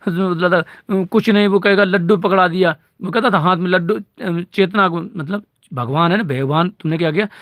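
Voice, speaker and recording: A man with a gravelly, creaky voice that sits a little high for a man. He rambles playfully through devotional chat and refers to himself as "we". The sound is close and dry, with no room around it. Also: fairly bright tone, no echo. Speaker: devotional speaker.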